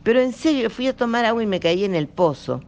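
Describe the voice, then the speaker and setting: A lost young man pleads and asks questions in a lively voice, as a narrator reads him. The voice is a little raised and carries a gravelly grain. He comes from a storybook. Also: high-pitched, a little fast, pitched above the performer's own voice. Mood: pleading. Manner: nervous, pleading.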